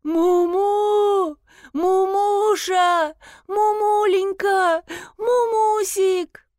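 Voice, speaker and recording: A woman's voice: expressive, moderate pace, darkish tone, dry recording, studio quality. A woman voicing a hysterical, pampered woman who wails and shrieks over her lost pet. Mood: wailing. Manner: shrill, wailing, overwrought.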